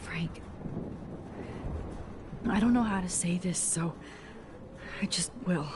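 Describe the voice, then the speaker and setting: A woman's voice: lowish voice, slow, noisy background. An actress playing an earnest, anxious, caring young woman in a dramatic game. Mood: gentle, somber. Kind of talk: dramatic game dialogue and inner monologue.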